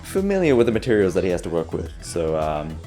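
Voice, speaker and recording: A man's voice: low-pitched, huge pitch swings, fast, warm tone, soft background music. A man narrating a comedic video essay in a sarcastic, profane, mock-scientific manner.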